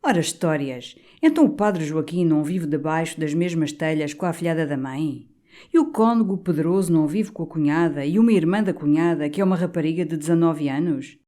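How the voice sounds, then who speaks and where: A woman voicing a portly, jovial older male canon, talking in an animated, confiding, doting way. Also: a little high, a little fast, lightly acted.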